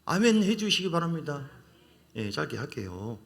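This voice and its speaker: A male pastor with a Jeolla Korean accent, preaching a sermon in an animated way and acting out the voices of the people he quotes. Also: a little high, normal speed, vocal fry.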